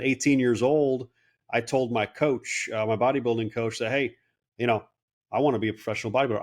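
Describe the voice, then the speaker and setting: Guest, man, late 30s, casual and animated, mid-pitch, acts out quotes. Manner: animated storyteller, quotes people in voices. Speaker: guest, clinic owner. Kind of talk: casual interview talk.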